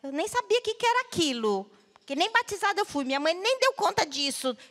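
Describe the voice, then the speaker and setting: A woman, a guest speaker, telling a personal story to an audience, swinging between loud outbursts and hushed low tones. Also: big pitch swings, fairly quick. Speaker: guest speaker at a panel talk. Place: large hall at a cultural center. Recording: long hall reverb.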